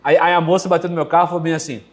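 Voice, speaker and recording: Rattling off his sermon at rapid-fire speed, a Brazilian pastor with a Brazilian Portuguese accent animatedly tells vivid personal stories. His voice runs fairly high for a man and grows even brighter as he performs quoted dialogue.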